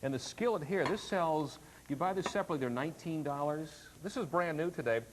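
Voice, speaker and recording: A man presenting products as a home shopping host, chatting through a live sales pitch in a conversational way. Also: brisk, noisy background. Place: TV studio demonstration set.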